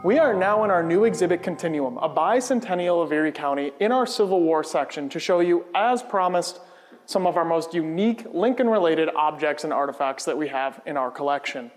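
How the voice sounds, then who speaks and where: A man hosting a museum history program, giving scripted narration in a clear, measured presenter's delivery. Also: fairly high pitch, dry recording.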